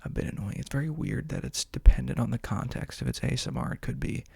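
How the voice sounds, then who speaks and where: A man talks in a close, breathy, husky ASMR whisper with a gravelly edge. His delivery rambles in a loose, self-aware, joking way. The mic sits right up close in a dry, dead room. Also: mid-range voice, quick pace, darkish tone, no room sound. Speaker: ASMR creator. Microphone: studio microphone with fuzzy cover, close.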